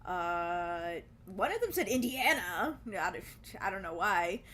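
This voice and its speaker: A woman's voice: fairly low pitch, sing-song, measured pace, fairly bright tone. Chatty woman host with faint noise. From United States. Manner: chatty, laughs easily, retells exchanges. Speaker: interview host. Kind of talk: casual interview chat.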